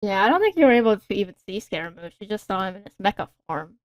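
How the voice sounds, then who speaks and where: A woman's voice: medium pitch, sing-song, rapid-fire, no echo. A woman hosting a casual reaction chat, eagerly explaining game lore in detail and asking her guest questions. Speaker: VTuber host.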